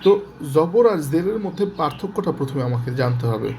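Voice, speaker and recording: A man teaching Quran reading in Bengali, patiently drilling each letter with its vowel sound in a steady, repetitive chant, with a Bangladeshi accent. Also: on the high side, a little fast, slight background noise. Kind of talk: slow spoken lesson, drilling letter sounds.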